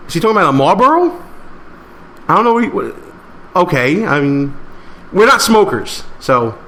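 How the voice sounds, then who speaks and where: A man's voice: high voice, sing-song, normal speed, pushed and bright. A man co-hosting a casual talk radio show, joking and teasing his co-host and guests.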